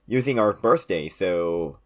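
A man in his twenties speaks in a fairly low voice with a Korean accent. He explains things in a casual way, with non-native English phrasing. His V sounds don't come out as a native speaker's would. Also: expressive, slow. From South Korea. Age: 20s. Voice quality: trouble pronouncing V sounds. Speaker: podcast co-host explaining Korean customs.

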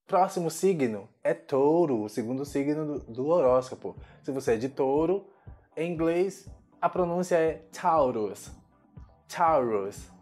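Give me a man, a bit high-pitched, carefully pronouncing English words in a lesson. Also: a little mellow, faint music behind. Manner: slow, careful modeling of English pronunciation. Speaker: English teacher. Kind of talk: video language lesson.

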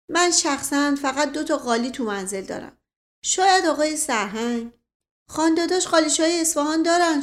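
Witty, scheming nobleman read by a woman; smooth, placating persuasion. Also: high voice, close to an everyday voice. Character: witty, sly middle-aged nobleman.

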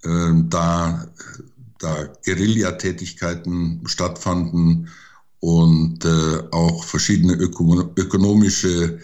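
Slow, deep-voiced older man, hesitant. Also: level tone, darkish tone, muffled recording. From Germany. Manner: slow and hesitant, many fillers. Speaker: interview guest, forester. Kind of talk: interview answers.

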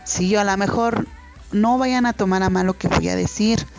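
A woman's voice: medium pitch, moderate pace, creaky, soft background music. A woman with a Mexican accent hosting a radio show, talking casually and earnestly to parents, rambling with many fillers and restarts. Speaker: radio host. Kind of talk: casual radio monologue giving advice to parents. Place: radio studio.

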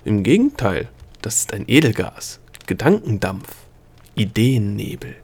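A man voicing a snappish, lecturing male gnome guide in an audiobook reading, brisk and curt. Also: lowish voice, big pitch swings, a little mellow, slightly rough, heavily acted.

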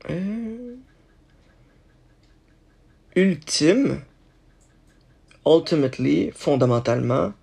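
Man, slow, husky, halting solo podcast host. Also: on the high side, sing-song, mellow. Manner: halting, thinking aloud, many restarts.

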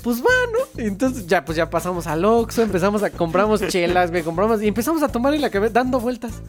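A young man from Mexico with a Mexico City accent, telling a story in casual chat, slangy and animated, often laughing. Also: high-pitched, quick pace, faint music behind. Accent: Mexico City Spanish.

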